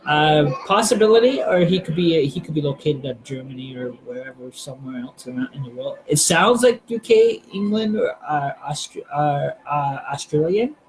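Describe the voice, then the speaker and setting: Rambling man with a higher voice. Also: expressive, moderate pace, few pauses, rough recording. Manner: hesitant, many fillers and restarts. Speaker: live stream host. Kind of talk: casual rambling chat.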